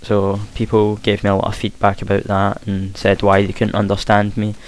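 A young man with a broad Scottish accent talks casually over a game. His voice is fairly low and very flat in pitch, and he hesitates as he tries to speak clearly. A faint hiss and game gunfire sit behind him. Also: normal speed. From Scotland. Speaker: gaming commentator. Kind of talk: casual gameplay commentary. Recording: hissy home mic with faint noise.

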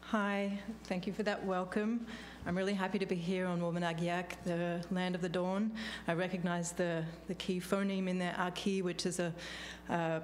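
A law professor in her forties with an Australian accent speaks as a panelist at a conference, using a podium microphone on a stand in a law school lecture hall. Her fairly low voice is flat and moderately paced with hardly any pauses, and she sounds thoughtful, with frequent fillers and restarts.

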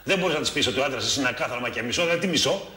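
A man's voice: medium pitch, pushed and bright, reverberant. An actor playing an ironic, teasing friend who mocks his colleague. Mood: mocking. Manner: ironic, teasing, rising to mockery. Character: mocking friend, ironic and philosophical. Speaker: actor in TV drama.

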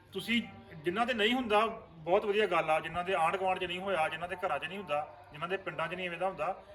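A man's voice: sits high, fairly bright tone. A man, an actor in a vlog series, earnestly explaining roles to viewers. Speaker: vlogger and actor. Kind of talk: casual chat.

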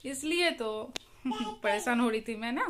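Young woman vlogger from India, high voice, chatty and casual, faint hiss behind her. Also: expressive, unhurried, fairly bright tone. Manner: chatty, talks baby talk to a small child. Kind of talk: casual chat.

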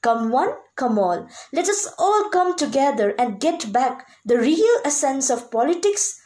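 Young Indian-accented woman, stiff memorized speech, swooping pitch. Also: very animated, a little slow, a little mellow. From Sikkim, India. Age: young adult. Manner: stiff memorized delivery, declamatory. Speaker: college student speech contestant. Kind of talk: prepared competition speech. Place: small room indoors.

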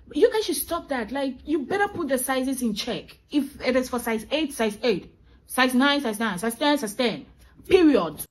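A woman's voice: high-pitched, expressive, moderate pace, poor audio. A young woman venting in a vlog, emphatic and exasperated, repeating her points for effect. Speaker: vlogger. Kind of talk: ranting vlog monologue.

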